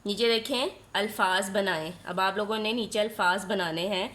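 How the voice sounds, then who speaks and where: A woman teaching a nursery class, with a mid-range voice. She stretches out each letter and sound for small children, pausing to ask questions and then answering them herself. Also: medium pitch, steady tone, a bit bright. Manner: slowly spells out letters and sounds for young children.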